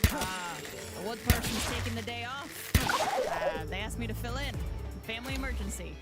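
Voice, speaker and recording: A bluffing delivery worker, played by a woman in a tabletop game. The talk is hesitant and improvised, with loud music running behind it. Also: a little high, moderate pace, close to an everyday voice. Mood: nervous bluffing. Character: bluffing, hesitant wood deliverer named Smith. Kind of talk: tabletop role-play.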